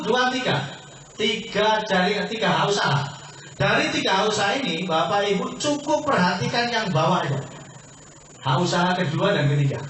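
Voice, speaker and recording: High-voiced man pitching in an echoey hall. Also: pushed and bright, a little hiss or hum. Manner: persuasive, asks the audience questions and answers them himself; keeps addressing listeners as "Pak". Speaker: business opportunity presenter. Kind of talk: sales seminar talk to an audience. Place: meeting hall with an audience. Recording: very echoey hall, picked up from far off.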